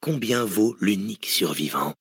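A male audiobook reader voicing a cynical, deranged hooded villain who lectures mockingly and erupts into shouts. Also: lowish voice, expressive, moderate pace, husky, no room sound, studio quality, full character voice. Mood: lecturing. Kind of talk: audiobook reading.

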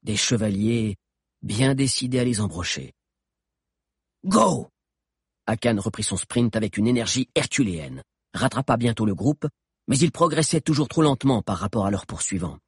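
A man narrating an adventure audiobook with an expressive, dramatic reading. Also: lowish voice, fairly quick, breathy edge, no room sound, clean studio sound. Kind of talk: scripted narration.

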